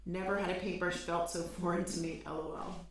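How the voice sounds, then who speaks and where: Female co-host, casual and chatty, lower voice. Heavy trash-can reverb on her live stream audio. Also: steady tone, fairly quick, recorded from a distance. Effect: boomy reverb, like talking into a trash can. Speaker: livestream co-host. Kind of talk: casual chat. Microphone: far-off computer mic on a live stream. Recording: echoey boxed-in sound with faint hiss.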